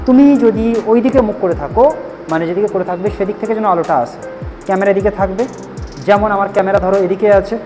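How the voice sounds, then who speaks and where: A male spoken-English teacher with a high voice lectures his class firmly, scolding and advising the students. He keeps checking whether they've understood, and the recording is rough.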